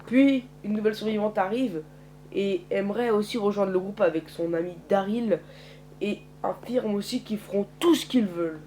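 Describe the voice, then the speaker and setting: A man's voice: high voice, moderate pace, a little mellow, a little hiss or hum. Casual French storyteller man. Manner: acts out every character in turn. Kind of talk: casual homemade story narration.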